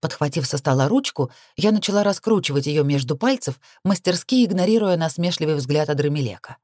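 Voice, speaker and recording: A woman reads a fantasy novel aloud in the first person, wry and even. Her voice is low for a woman. The recording is close and dry, with no room sound. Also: a little fast, dry recording. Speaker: audiobook reader.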